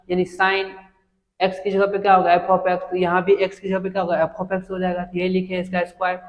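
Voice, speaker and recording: A high-pitched man gives a blackboard math lecture. He teases his students and repeats key phrases slowly to drive them home. His voice rings with the long reverb of an indoor classroom. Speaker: math teacher.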